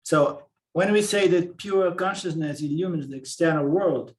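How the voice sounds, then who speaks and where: A man's voice: fairly high pitch, normal speed, roomy sound. A man from Brazil with a Brazilian Portuguese accent, teaching a philosophy class, often repeating words and asking "okay?" to check that he is understood. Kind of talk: lecture on Vedanta philosophy.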